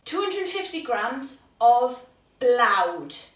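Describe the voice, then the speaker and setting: A woman's voice: fairly high pitch, very animated, very slow, fairly bright tone. Chatty Welsh woman in echoey kitchen. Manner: chatty, playful, teacherly. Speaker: host teaching Welsh. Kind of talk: casual cooking video. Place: home kitchen. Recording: roomy kitchen, mic at a distance.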